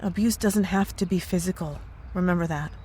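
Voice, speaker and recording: A woman with a low-leaning, slightly mellow voice talks a little fast, sounding natural, as she plays a concerned married coworker in an ASMR audio drama. She is earnest, worried, and hesitant, speaking with care over slight background noise.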